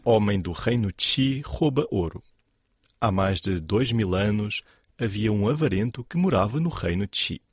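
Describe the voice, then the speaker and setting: A man narrating an old fable in a slow, deliberate reading voice. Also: lowish voice, lively intonation, slightly rough, dry recording, clean studio sound. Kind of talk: storytelling narration.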